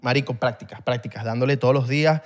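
A man's voice: medium pitch, fast. A man, hosting a podcast and explaining a topic in casual, rambling chat full of slang. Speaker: podcast host.

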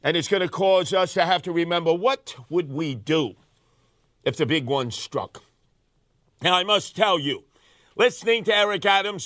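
Older New man, comic talk host, sarcastic and brash, bright edgy tone. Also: sits high, dry recording, studio quality. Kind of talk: comic talk radio monologue.

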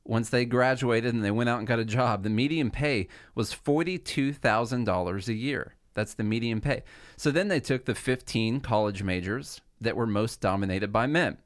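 A mid-pitched man explains his point calmly during a relaxed podcast chat, walking through figures step by step. The recording is close and dry, with no room sound around him.

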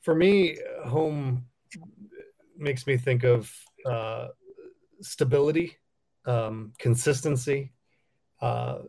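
A man's voice: mid-range voice, creaky, a little mellow. A man from Cameroon, a nonprofit leader, answering interview questions in a reflective way with many ums and restarts. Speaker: nonprofit CEO, podcast guest.

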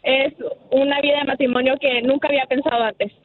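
A woman calling in to a radio show, speaking haltingly with restarts. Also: sits high, little pitch movement. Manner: hesitant, halting speech. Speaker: caller. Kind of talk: phone call to radio show. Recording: tinny phone line.

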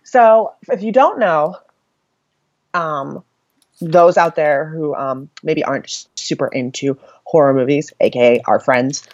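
A woman co-hosting a casual podcast, talking from notes in a halting way. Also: low-pitched, a little mellow, no room sound, dull audio. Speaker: podcast co-host.

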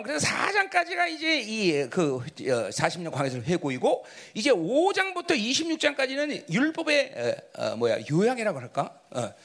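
A middle-aged male pastor delivering a sermon with an unusually high, gravelly voice. His pitch leaps wildly, from near-shouts down to low murmurs. He keeps checking in with the congregation. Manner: emphatic, constant "right?" to the congregation, swings from shouting to low murmurs.

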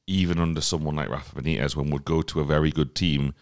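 Man, football podcast host, halting speech, very deep voice, gravelly fry. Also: steady tone. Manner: halting, searches for words. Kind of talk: casual football podcast chat.

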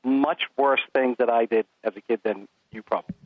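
Here a middle-aged man, a podcast guest, keeps the chat casual while vividly acting out tales of his kids and himself. He speaks briskly at medium pitch, and the sound is tinny and narrow with no room ambience.

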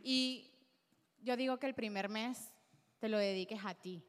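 A woman's voice: a little high, measured pace. A woman in a live podcast audience giving encouraging advice. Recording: reverberant live venue.

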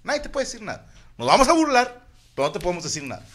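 A man with a Mexican accent hosts a casual podcast in a high-pitched, sing-song voice, talking very fast. Amid group banter, he reads listener messages and shout-outs aloud, tossing in crude jokes.

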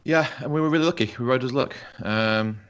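A man on a casual football podcast, venting like an animated fan and using lots of fillers. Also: mid-range voice, a little fast, clear, resonant tone. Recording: dull lo-fi recording.

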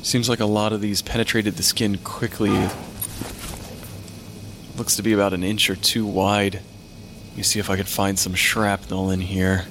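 A man's voice: on the low side, flat delivery, moderate pace, pauses often, noisy background, close to an everyday voice. A man playing a weary, matter-of-fact medical examiner who talks to ghosts in an audio drama. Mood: focused. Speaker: pathologist.

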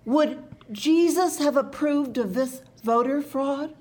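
A woman's voice: sits high, slow, a little mellow. A woman voicing a polite but pushy female reporter in a comedy press conference sketch. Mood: politely insistent.

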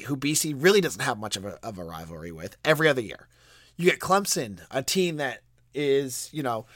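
A man with a stuffy, cold-congested voice that squeaks a little, hosting a solo sports podcast in a conversational, opinionated way. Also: fairly bright tone, dry recording, clean studio sound.

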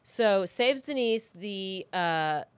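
Her medium-pitched voice is slow, clear, resonant, and animated, captured in a dry recording. This woman in her thirties hosts a true crime podcast, narrating casually with loose phrasing and dramatizing reported lines.

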